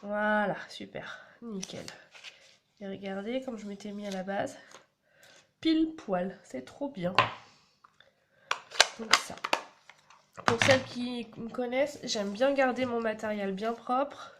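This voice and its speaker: A woman's voice: on the high side, takes it slowly, pauses often. A woman, chatting through a card-making tutorial and explaining each step as she works. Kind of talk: casual crafting tutorial. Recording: audible background noise.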